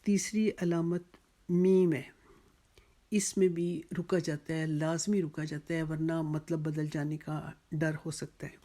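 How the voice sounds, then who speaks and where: A teacher giving a religious lesson, explaining the material in a measured way with frequent pauses. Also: medium pitch, little pitch movement, dark tone. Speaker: Quran teacher.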